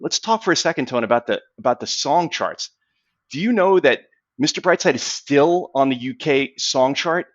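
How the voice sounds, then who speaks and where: A man's voice: mid-range voice, expressive, normal speed, fairly bright tone, dry recording, lo-fi sound. A man co-hosting a podcast, talking eagerly about music and often repeating words as he restarts. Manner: enthusiastic, stammering restarts. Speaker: podcast co-host. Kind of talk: casual music chat.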